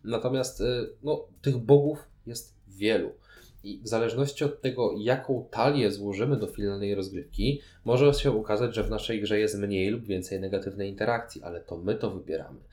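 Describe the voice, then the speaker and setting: A man co-hosts a board game podcast, reviewing games and explaining things in detail in a conversational way. His voice is fairly low and darkish, at a moderate pace, with a reverberant sound.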